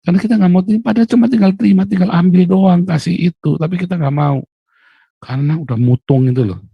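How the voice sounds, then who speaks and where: A male pastor giving a colloquial morning devotional sermon. He swings between loud, emphatic bursts and quiet, low asides. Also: fast, vocal fry, slightly rough, no echo, dull audio.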